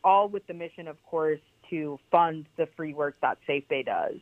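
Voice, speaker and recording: A young woman who runs her own clothing brand joins a podcast as a guest, her powerful voice sitting low and moving at normal speed. Her manner is chatty and emphatic, heavy on "like" fillers. The sound is dry and tinny, much like a phone call.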